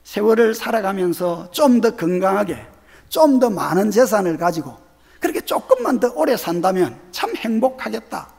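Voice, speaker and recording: A pastor from Geoje Island with a Gyeongsang accent, preaching a sermon in a church sanctuary with animated questions to the congregation. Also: male voice, high-pitched, normal speed, gravelly. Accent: Gyeongsang Korean. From Geoje Island, South Korea. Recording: long church hall reverb.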